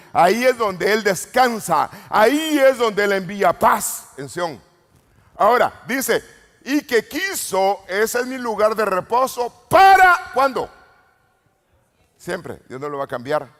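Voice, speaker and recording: A man preaching a Pentecostal sermon as an apostle, swinging from low murmurs to sudden shouts and calling out questions to the congregation. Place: church retreat hall. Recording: long hall reverb.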